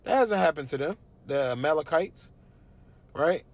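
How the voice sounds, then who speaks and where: A man teaching scripture in a casual, emphatic way, reading verses aloud and often checking in with a quick "right?". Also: a little high, lively intonation. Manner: conversational and emphatic, often tags questions with "right?". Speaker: Bible teacher.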